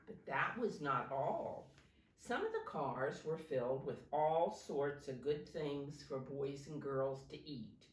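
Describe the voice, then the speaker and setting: Reading a children's storybook in a sing-song way, a woman with a fairly low but lively pitch takes her time, speaking plainly and deliberately to little ones. A teacher, she breaks off to show the pictures. The room is spacious, and she's somewhat distant from the microphone.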